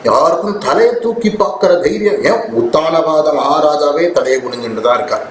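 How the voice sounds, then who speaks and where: A man giving a devotional discourse who tells a story with dramatic feeling and slowly chants verses. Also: on the high side. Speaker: religious discourse speaker. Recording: roomy, faint ambient noise.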